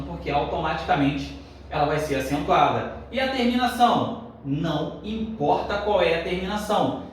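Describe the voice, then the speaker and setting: Male teacher, lively questioning delivery, set back from the mic, very roomy echo. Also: high voice. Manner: lively, asks the class questions and answers them. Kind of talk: recorded grammar lesson. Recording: echoey room, a bit far from the mic, faint noise.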